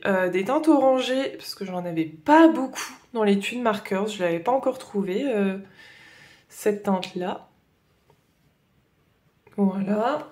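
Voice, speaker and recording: A woman's voice: mid-range voice, darkish tone. A young adult woman with a Northern French Ch'ti accent chatting casually through a haul, hesitant and full of fillers and "voilà". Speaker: coloring vlogger.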